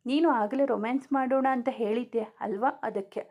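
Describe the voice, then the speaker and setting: A woman's voice: fairly high pitch, fairly quick, darkish tone. A woman voicing a young husband in a storybook romance, who teases his wife affectionately and turns firm when he scolds. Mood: playful tender. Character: young husband, teasing and protective.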